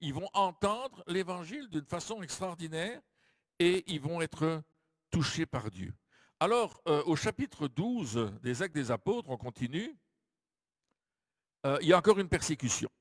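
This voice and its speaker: A middle-aged man preaching a lively sermon, telling stories and acting out the voices of the people in them, with frequent fillers. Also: on the high side, measured pace. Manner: animated, acts out quoted voices, frequent fillers. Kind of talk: sermon with storytelling. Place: large hall. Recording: dry close mic with long hall reverb.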